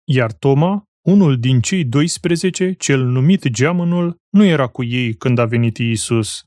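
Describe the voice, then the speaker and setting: A man reading scripture aloud in a measured, solemn way, slowing for the quoted words. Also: medium pitch, a little mellow, no room sound, clean studio sound. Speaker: Bible reader.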